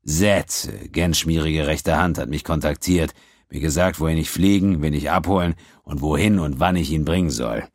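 A man doing a low, smug, menacing space pirate. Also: normal speed, no echo, clean studio sound. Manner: growling, calm, mocking. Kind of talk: audiobook character voice.

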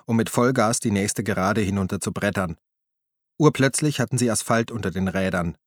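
A man narrating an audiobook in a steady, measured storytelling manner. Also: lowish voice, no echo, studio quality. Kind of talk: scripted narration.

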